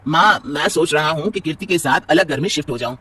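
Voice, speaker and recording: A man's voice: on the high side, fast talker, pushed and bright, slight background noise. A man voicing a mild young husband who gives in easily. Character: pliant young husband, the favoured son.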